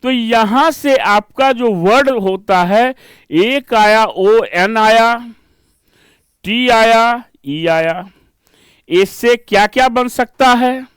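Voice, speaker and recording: An Indian-accented reasoning teacher leads an exam-prep lesson step by step, blending Hindi and English and stopping to pose rhetorical checks. His high voice is crisp, clear and fairly bright, captured dry and close with no room sound.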